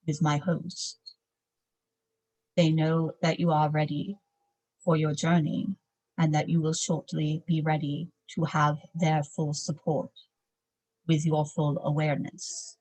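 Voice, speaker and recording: A woman speaking as a trance medium, in formal, solemn, measured phrases, as if a spirit guide were advising a client. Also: sits low, little pitch movement, darkish tone, poor audio. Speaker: trance channeler, seance medium.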